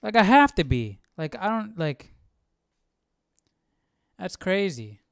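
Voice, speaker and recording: A man hosts a live Bible study stream, thinking aloud in casual, reflective commentary and checking in with listeners, often asking "right?". His high voice is creaky, slow-paced and full of big pitch swings, with a clean tone in a dry, clean studio recording.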